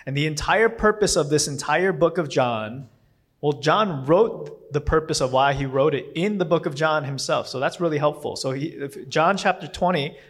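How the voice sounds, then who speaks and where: A man who isn't a native English speaker preaches a casual, rambling sermon, frequently stopping to correct himself, with many fillers and restarts. His voice is fairly high and a bit bright, at a moderate pace.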